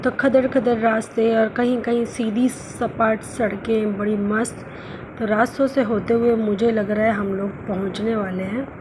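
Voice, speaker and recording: A woman's voice: a little high, little pitch movement, measured pace, background noise. A woman narrating her pilgrimage travel vlog, devoutly guiding viewers through temples as if on a tour. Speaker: travel vlogger.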